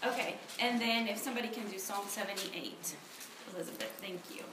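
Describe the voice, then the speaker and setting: A woman from Honduras, in her thirties, speaks briskly in a mid-range voice while giving a casual testimony with prayer at a church ministry meeting. She often hesitates with ums and restarts her sentences. The sound comes from a phone on a table in an echoey room where background noise is noticeable.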